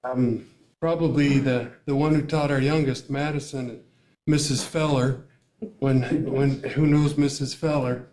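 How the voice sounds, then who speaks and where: An older man speaking at a school board meeting, emotional and tearful, rambling with many pauses and fillers. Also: mid-range voice, fairly even intonation, warm tone, slight background noise. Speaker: parent addressing school board. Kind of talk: public comment at a meeting. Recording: echoey meeting room.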